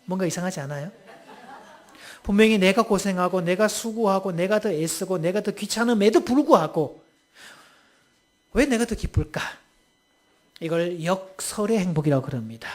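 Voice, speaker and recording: Guy preaching, pretty high voice, jokey and keeps quizzing the crowd. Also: lively intonation, normal speed, long pauses. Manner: playful, quizzes the audience with questions. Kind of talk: humorous interactive sermon.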